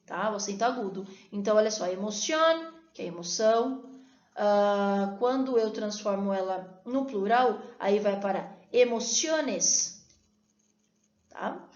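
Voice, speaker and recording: A Brazilian woman teaching a recorded video lesson, explaining rules step by step and checking in with her students after each point. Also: fairly high pitch. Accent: Brazilian Portuguese. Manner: explanatory, frequent checking tags. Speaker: Spanish teacher. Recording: echoey room, dull lo-fi sound.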